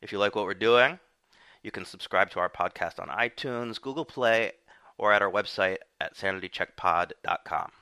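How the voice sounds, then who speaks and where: A man's voice: on the low side, moderate pace, sharp tone, dry recording. A man hosting a casual political podcast, recapping news with lots of fillers and restarts. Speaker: podcast host.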